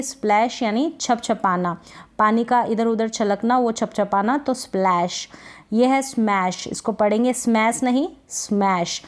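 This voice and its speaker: A woman with a Hindi accent teaching English pronunciation, repeating each word slowly and quizzing the listener with questions. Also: a little high. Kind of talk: slow phonics lesson.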